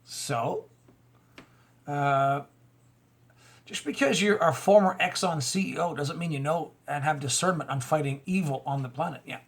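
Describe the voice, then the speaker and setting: A man's voice: on the high side, normal speed, slightly rough. A man reading news items aloud and firing back with mocking, heated asides in casual commentary. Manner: reads news lines then rants back with mocking asides.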